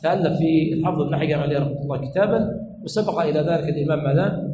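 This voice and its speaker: A man's voice: a little high, racing, echoey room, noisy background. A sheikh teaching a class lesson, repeating each point and asking his students what comes next, then answering himself. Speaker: sheikh teaching hadith terminology. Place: lecture room at a religious study center.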